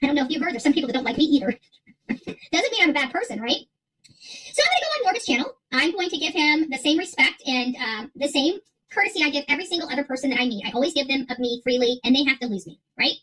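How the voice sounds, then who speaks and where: On a low-quality recording, a middle-aged livestream host speaks fast in a high, expressive, somewhat bright voice. Chatting casually with her viewers indoors in a small furnished room at home, she rambles, repeats herself and speaks emphatically.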